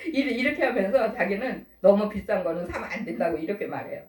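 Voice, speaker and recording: A woman's voice: mid-range voice, lively intonation, fast, a little mellow. An older woman pastor giving a conversational sermon, often putting questions to the congregation. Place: church. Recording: echoey room from far off.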